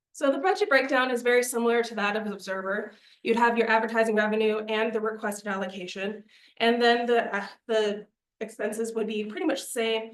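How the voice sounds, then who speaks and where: A young woman presenting a student media budget to a committee, earnest and persuasive, a little out of breath. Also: mid-range voice. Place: meeting room. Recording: echoey meeting room.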